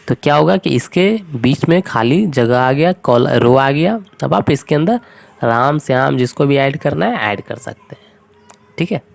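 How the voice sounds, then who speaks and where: A man's voice: mid-range voice, vocal fry. A man teaching a spreadsheet lesson over a screen recording. He explains each step patiently, checking in often with his listeners. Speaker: computer tutor. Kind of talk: screen-recorded software tutorial.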